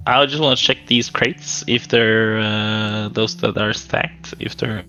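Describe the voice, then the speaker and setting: A man playing a tabletop game, speaking casually and haltingly as a player. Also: lowish voice, steady tone, sharp tone, soft background music, poor audio. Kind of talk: casual tabletop role-play.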